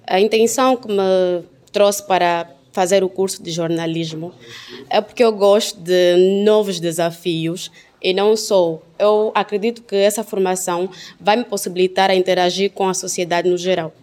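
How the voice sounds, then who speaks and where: Direct female representative, lowish voice. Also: fairly even intonation, moderate pace, darkish tone. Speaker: party provincial representative. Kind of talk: self-introduction.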